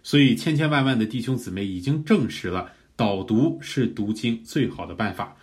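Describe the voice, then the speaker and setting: A man preaching a teaching sermon, earnest and measured, explaining a practice of prayer step by step. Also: medium pitch, animated. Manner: earnest, measured, rising in fervor during prayed examples. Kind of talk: teaching sermon on pray-reading scripture.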